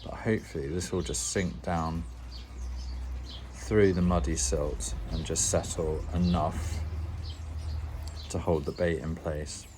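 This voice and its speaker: A man with a very low voice walks through tying a fishing rig step by step, plain and explanatory, with a dry, self-mocking wit. Faint birdsong chirps in the background. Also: fairly even intonation, slow, pauses often, darkish tone, a little hiss or hum. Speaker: angling channel host.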